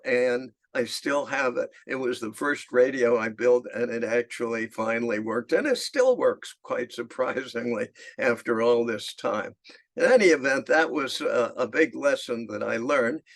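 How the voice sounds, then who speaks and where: Gravelly older storyteller, man in his eighties, chuckling reminiscence, middling pitch. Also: normal speed. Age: 80s. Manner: chuckles through his anecdotes. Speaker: narrator recalling his past.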